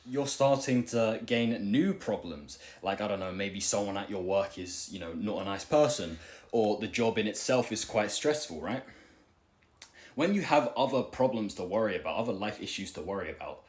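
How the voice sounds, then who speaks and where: A man's voice: on the low side, lively intonation, moderate pace, a little mellow. A young man giving casual self-improvement advice while working out, out of breath, rambling with lots of fillers and "right?" tags. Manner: rambling, filler-heavy, keeps asking "right?".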